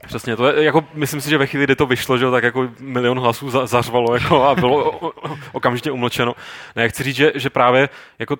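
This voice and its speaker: A man chatting on a gaming podcast, rambling through restarts and getting animated when he makes a point. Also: mid-range voice, hardly any pauses. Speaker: podcast co-host. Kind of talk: casual chat about games.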